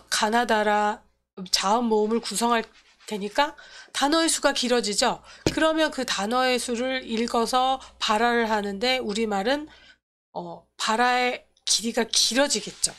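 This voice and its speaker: A woman's voice: a little high, a little slow, a bit bright. A woman teaching English pronunciation and grammar in an explanatory lecture, restating each point and opening sentences with "so". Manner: explanatory, repeats points, starts lines with "so".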